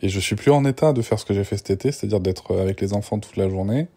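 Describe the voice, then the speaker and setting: A man's voice: lowish voice, quick pace, warm tone. A young man, worn out, rambling through a casual voice memo with many restarts. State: exhausted. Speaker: father recording voice diary.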